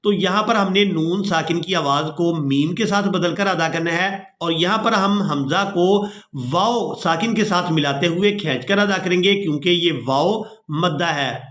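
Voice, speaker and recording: A man teaching Quran recitation, explaining each rule briskly and spelling out letters one by one. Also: high-pitched, fairly bright tone. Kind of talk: step-by-step recitation lesson. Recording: echoey room.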